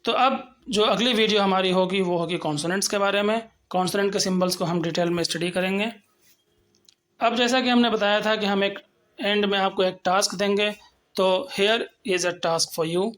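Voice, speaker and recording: High-voiced man teaching English sounds. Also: a bit bright. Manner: explains step by step, slowly sounding out example words. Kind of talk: lecture on phonetics.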